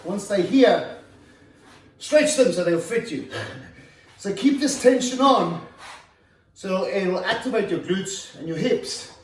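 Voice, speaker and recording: A fitness trainer with a high-pitched, lively voice coaches a home leg workout, demonstrating each exercise as he explains it. He speaks slowly with frequent pauses and sometimes runs out of breath, recorded from a distance in an echoey room.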